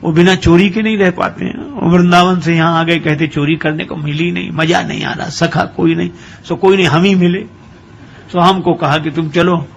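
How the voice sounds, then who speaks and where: A naive old devotee who has spent his life in prayer and blurts everything out too loudly, as a man puts him on. The voice is fairly high and gravelly. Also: fairly even intonation, normal speed, muffled recording, slight background noise. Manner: naive, loud-spoken. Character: pious old male devotee, simple and guileless.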